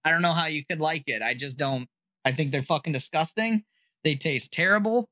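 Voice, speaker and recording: A man's voice: a little high, a little fast, pushed and bright. A young man co-hosting a podcast in casual chat, crude and profane, often breaking into laughter. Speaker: podcast co-host.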